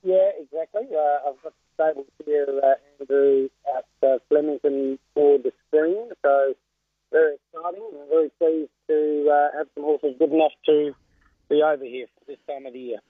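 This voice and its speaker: A man who trains racehorses, speaking over a phone line in a radio phone interview, halting and full of filler sounds. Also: fairly high pitch, fairly even intonation, breathy edge, dry recording. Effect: heard over a phone line.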